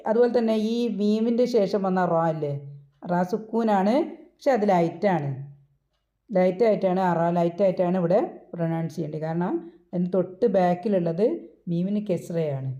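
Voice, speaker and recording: A woman with a Malayali accent teaching tajweed rules of Quran recitation, repeating each point slowly and patiently. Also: lowish voice, dark tone. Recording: dull lo-fi sound.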